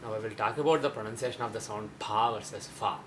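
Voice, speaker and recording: A man teaching a lesson, explaining carefully and slowing down to sound out example words. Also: on the low side, a bit bright, slight background noise, poor audio.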